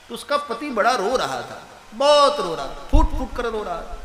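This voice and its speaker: A man's voice: sits high, bright, forceful tone. A man giving a devotional discourse, telling humorous stories and voicing the characters' dialogue. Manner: storytelling, voices the characters in dialogue. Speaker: kathavachak. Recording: echoey hall with faint noise.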